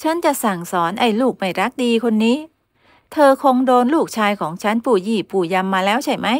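A woman voicing a bossy middle-aged rich mother who scolds loudly. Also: medium pitch, fairly quick, no echo, clean studio sound, natural voice. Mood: scolding. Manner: loud, scolding.

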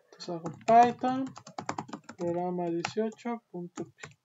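A woman's voice: on the low side, measured pace. A woman teaching a programming class, explaining step by step and often checking in with "¿sí?". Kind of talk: screen-recorded coding lesson. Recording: dull lo-fi audio with clear background noise and keyboard typing.

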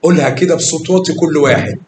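A man with an Egyptian Arabic accent teaches math to a class of children, coaxing them with questions and calling pupils by name with endearments. His voice is on the high side and very fast, recorded in an echoey classroom with a little hiss or hum.

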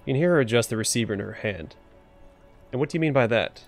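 Casual mid-pitched man reading game dialogue. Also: animated, fast talker, faint music behind. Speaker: let's player reading the game's dialogue aloud.

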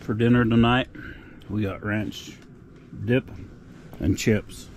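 A middle-aged man giving relaxed, folksy updates in a casual outdoor vlog, recorded on a camera mic. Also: fairly low pitch, slow, a little hiss or hum. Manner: laid-back, folksy updates. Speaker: outdoor vlogger. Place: frozen lake outdoors and inside an ice-fishing tent.

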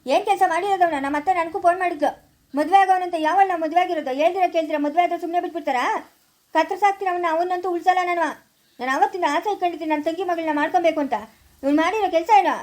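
A woman playing a hot-tempered village elder in a family drama, threatening in rapid bursts. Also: very high voice, darkish tone. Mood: furious. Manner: furious, threatening, rapid-fire. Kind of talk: amateur village drama acting.

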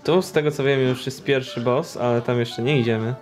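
A man's voice: mid-range voice, fairly even intonation, a little fast, darkish tone. Young man in casual gameplay commentary. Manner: casual, stumbling while reading aloud. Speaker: gaming streamer. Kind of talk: let's play commentary. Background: game music.

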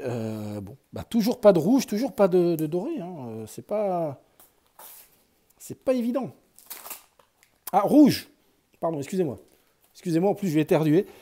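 A man talks casually to his viewers, thinking out loud as he goes. His voice sits a little high but sounds dark and mellow, with a husky texture. He keeps up a loose, rambling chat full of fillers. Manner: chatty, thinks aloud, lots of fillers and sighs. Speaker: YouTuber opening sticker packs. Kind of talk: casual running commentary.

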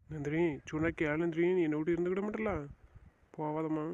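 A man's voice: on the high side, steady tone, fairly quick, darkish tone, dull audio, natural voice. A man playing a pleading young husband. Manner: begging, soothing, insistent. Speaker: actor in a web drama. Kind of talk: melodramatic family drama acting.

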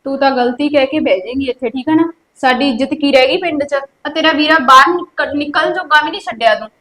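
A woman's voice: high voice, fast, fairly bright tone. An actress playing a stern sister-in-law who scolds her young relative, speaking with a Punjabi accent. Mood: scolding. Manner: reproachful, scolding. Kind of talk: village web-series drama.

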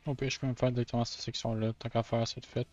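A man's voice: medium pitch, flat delivery, fast talker, a little mellow, dull audio, soft background music. A man with a Québécois French accent chatting casually on a live stream while drawing, often stammering and restarting, with English words mixed in.

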